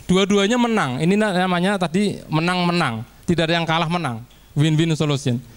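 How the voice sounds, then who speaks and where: A fairly high-voiced man talks to fellow teachers in a relaxed training session. He is chatty and loose, and slips into quick acted-out exchanges between teacher and student. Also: clear, resonant tone. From Indonesia. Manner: chatty, acts out teacher-student dialogues with little laughs. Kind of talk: informal training presentation.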